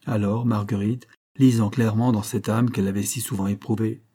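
In a low voice with a breathy edge, a man reads a classic novel aloud as an audiobook, keeping his delivery measured and expressive.

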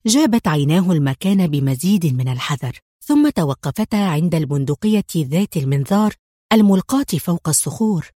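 A woman narrating a spy audiobook in a steady, dramatic storytelling manner. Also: fairly low pitch, fairly quick, no room sound, studio quality.

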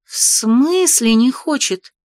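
A woman reading an audiobook, voicing a spirited young woman who answers in quick, startled questions. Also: high-pitched, lively intonation, darkish tone, dry recording, clean studio sound, pitched above the performer's own voice. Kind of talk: audiobook character voice.

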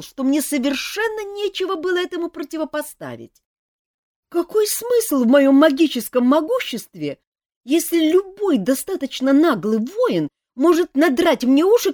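Lady putting on a young elf prince, high and pleading, super lively, dry sound. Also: moderate pace, dry recording. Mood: earnest pleading. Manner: pleading, earnest. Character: young male elf prince, earnest and plaintive.

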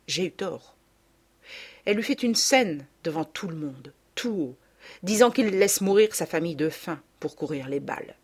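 A woman reading a literary novel aloud as an expressive audiobook narration. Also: fairly low pitch, normal speed, slightly rough. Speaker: audiobook reader.

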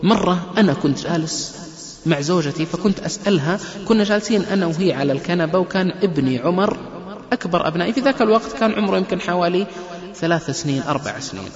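A man's voice: high-pitched, quick pace, crowd noise. A man giving a religious lecture on family life, telling stories and acting out the people in them. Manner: lively storyteller who acts out quoted people. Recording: echoey hall, muffled lo-fi lecture recording.

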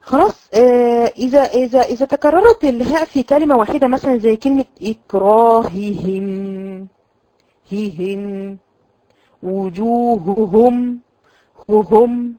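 A woman with an Egyptian Arabic accent teaching Quran recitation, explaining in a chatty way and slowly drawing out example words to demonstrate them. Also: medium pitch, warm tone, dry recording, low-quality recording. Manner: addresses students directly, frequent "khalas?" checks. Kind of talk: recorded online lesson.

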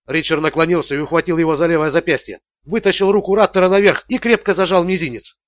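A man narrating a thriller audiobook in a steady, measured way. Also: on the high side, no room sound, highs cut off.

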